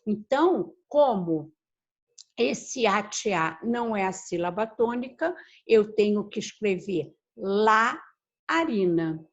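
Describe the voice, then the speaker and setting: Slow, deliberate woman teaching Spanish. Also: mid-range voice, animated. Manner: slow, deliberate, spells out letters and repeats words; asks the class questions, then answers them. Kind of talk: recorded online class. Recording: dull lo-fi recording.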